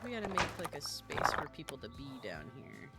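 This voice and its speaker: A streamer chatting casually with viewers while playing, giggly and quick to apologize. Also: mid-range voice, huge pitch swings, over loud music. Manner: chatty, giggly, self-deprecating, talks to chat while playing. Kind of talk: casual game-streaming chat.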